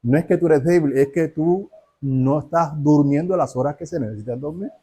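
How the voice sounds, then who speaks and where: Male preacher, fairly high pitch; sermon delivery full of rhetorical questions and acted-out exchanges. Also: moderate pace, dark tone, husky. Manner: asks rhetorical questions and acts out dialogues.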